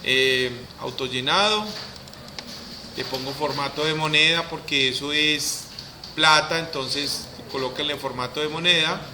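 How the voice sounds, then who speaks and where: A man teaching a software lesson, repeating each step aloud as he works. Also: a little high, unhurried, background noise. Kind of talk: screen-recorded software lesson.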